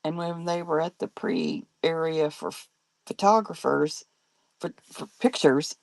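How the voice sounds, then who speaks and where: Chatty older grandma with a creaky voice. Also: female voice, deep voice, unhurried, dry recording. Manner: chatty, laughs often, reads viewer comments aloud. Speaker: live-selling host. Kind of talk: casual live-stream chat.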